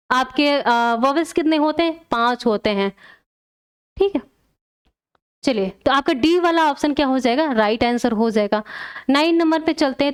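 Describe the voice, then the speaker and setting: A woman's voice: sits high, clean tone. A woman teacher explaining exam questions step by step, checking in often with her class.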